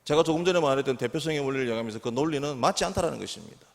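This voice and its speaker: A man's voice: mid-range voice, animated, very fast, gravelly. A middle-aged man, a pastor, preaching a sermon to his congregation and often asking them questions. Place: church sanctuary. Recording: reverberant church hall.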